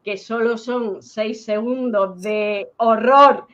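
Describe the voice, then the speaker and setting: A woman's voice: on the high side, fairly even intonation, slow pace, fairly bright tone. A woman with a Spanish accent from Spain, chatting about a personal experience on a video call, talking with many fillers and restarts. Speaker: guest. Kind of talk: personal story in casual chat. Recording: dull lo-fi call audio.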